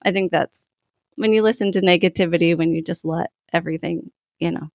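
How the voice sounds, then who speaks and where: A woman's voice: fairly low pitch, fairly even intonation, a little fast, gravelly, darkish tone, no room sound, studio quality. A woman in her thirties, a guest in a casual interview, talking candidly and laughing easily. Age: 30s.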